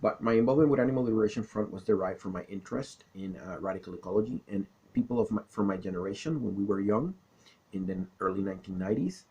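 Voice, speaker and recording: Low-voiced middle-aged man with a Florida accent. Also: mellow. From South Florida, born in the Caribbean. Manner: didactic, deliberate, checks in with "okay?". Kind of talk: explanatory monologue, political talk and recollection.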